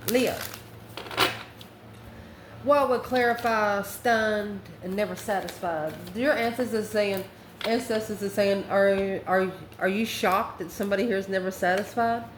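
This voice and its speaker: At a measured pace, a woman reads tarot for her channel in an easygoing, conversational way, her mid-range voice frequently breaking into chuckles between rambling digressions. Clear background noise and echo fill the room.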